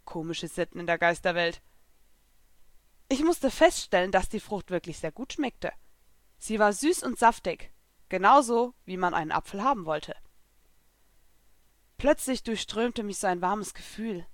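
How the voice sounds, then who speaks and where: A woman reads a first-person story aloud with expressive storytelling. Her medium-pitched voice is recorded close and dry. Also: measured pace, long pauses, no echo. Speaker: narrator. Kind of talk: first-person audiobook narration.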